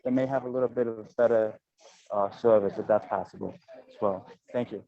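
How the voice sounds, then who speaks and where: A council member speaking haltingly over a glitchy, breaking-up remote call, with many fillers. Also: male voice, on the low side, steady tone, warm tone. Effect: glitchy breaking-up call audio. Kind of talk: remote meeting remarks. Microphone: phone on a video call. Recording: dull lo-fi video call line.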